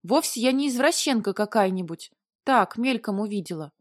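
A woman voicing a flustered young heroine in an audiobook, chattering in a high, squeaky, whiny voice. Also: expressive, normal speed, no echo, studio quality. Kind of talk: audiobook character voice.

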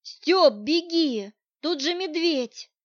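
Woman doing a brash soldier yelling. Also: high-pitched, slow pace, no room sound. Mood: agitated. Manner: shouted, exclaiming lines. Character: tough young male special-forces soldier, brash and panicky. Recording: dull, dry audiobook recording.

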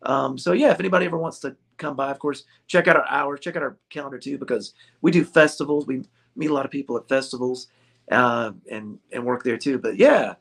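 A man's voice: medium pitch, brisk, gravelly. A man who owns a ukulele store, chatting casually in an interview, joking and laughing often. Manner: jokey, laughs often, rambling.

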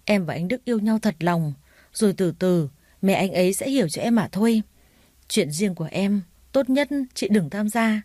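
A woman's voice: mid-range voice, mellow, dry recording, clean studio sound, lightly acted. A woman voicing a defiant young female student who petulantly talks back to her family, in a narrated story.

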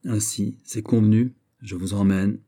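A man voicing a proud, menacing English duke who speaks forcefully and challengingly, in a storybook reading. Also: fairly low pitch, fairly even intonation, measured pace. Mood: ironic.

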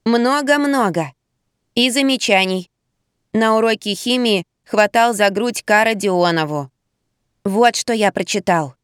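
A woman voicing a chatty, blunt little boy of six in an audiobook, speaking in a high, drawn-out childish way. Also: clear, resonant tone, no room sound, clean studio sound, lightly acted. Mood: chattering.

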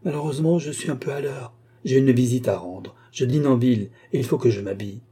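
A modest young clerk politely turning down an invitation, read by a man. The voice is dark and husky, with a courteous, measured manner. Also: medium pitch, natural voice.

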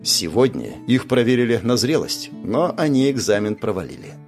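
A man narrating an audiobook and voicing the characters in a lively way. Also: normal speed, faint music behind. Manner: lively, shifts pitch for characters.

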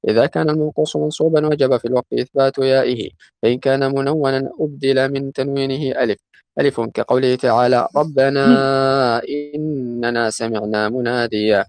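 A man reciting a classical grammar text in a lesson at a brisk, rushing pace, his voice gravelly with fry. He slows to chant the quoted verses. The sound is close and dry, with no room echo. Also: medium pitch, fairly even intonation, a little mellow. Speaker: student reading a grammar text aloud.

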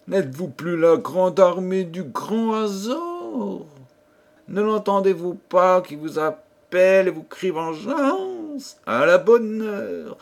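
A man's voice: high-pitched, pitched above the performer's own voice, exaggerated voice. A man voicing a fiery army captain who scolds his soldiers in a vibrant voice.

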